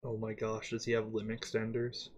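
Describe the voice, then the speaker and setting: A man's voice: fairly low pitch, monotone, normal speed, a little mellow. A man talking casually as a player in a tabletop role-playing game.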